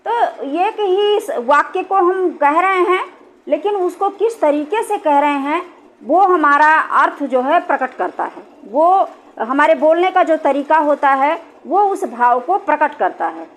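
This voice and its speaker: A woman with a high, light voice teaches a grammar lesson. She talks patiently, repeats her points and keeps checking that her listeners follow. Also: expressive, unhurried. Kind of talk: explaining a Hindi grammar lesson.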